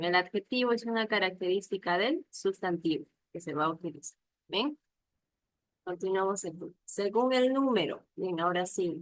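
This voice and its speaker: A woman's voice: medium pitch, fairly bright tone, no echo, rough recording. A woman teaching an online class, patiently repeating examples and checking whether her students follow.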